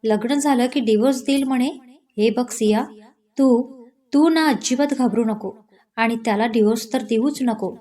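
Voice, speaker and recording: A woman's voice: a little high, moderate pace, mellow, lightly acted. A woman voicing a teasing, outspoken young woman who is a loyal friend, in a storybook reading. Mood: angry. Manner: playful then indignant.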